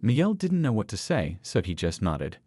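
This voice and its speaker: Male narrator for a scripted story; low, lively delivery, dry close mic. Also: normal speed, no echo.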